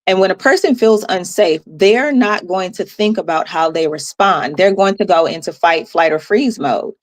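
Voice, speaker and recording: A woman health coach as a podcast guest, explaining in a calm, measured way with pauses. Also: on the low side. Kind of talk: podcast interview.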